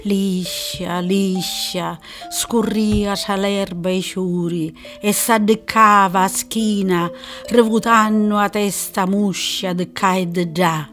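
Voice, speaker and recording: Sicilian woman, slow expressive verse reader, faint music behind. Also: mid-range voice. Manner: expressive, measured. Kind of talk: dramatic reading of verse.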